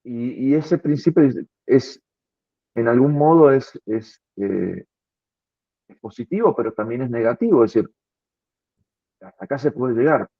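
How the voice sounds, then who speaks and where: A man's voice: medium pitch, lively intonation, unhurried, dry recording. A man in an earnest, reflective philosophical conversation, often repeating words as he thinks. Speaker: philosophy commentator. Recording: tinny phone-like line.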